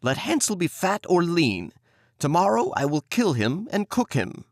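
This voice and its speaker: Guy putting on a cackly old witch voice, high and mean, storybook. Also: big pitch swings, a little slow, creaky, dry recording, studio quality, exaggerated voice. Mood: cruel. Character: wicked old female witch, mocking and cruel.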